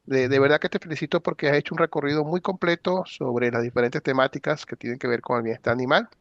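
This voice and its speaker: A man moderating a webinar with a measured, hesitant manner and repeated words. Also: mid-range voice, fairly even intonation, fairly bright tone, no echo. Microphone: video call. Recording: dull, dry video-call audio.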